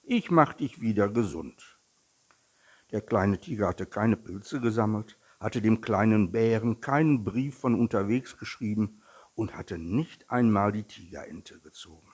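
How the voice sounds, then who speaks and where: A man reading a children's story aloud in a slow, expressive manner, with a husky voice. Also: fairly low pitch.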